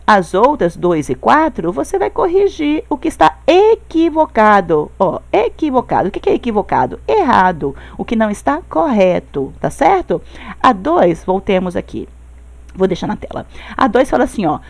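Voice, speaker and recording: Uma professora brasileira de espanhol, que explica devagar e sempre confere com os alunos. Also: female voice, mid-range voice, vocal fry, darkish tone. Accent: Brazilian Portuguese. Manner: explains slowly, checking with "tá certo?". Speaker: Spanish teacher. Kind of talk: recorded online class.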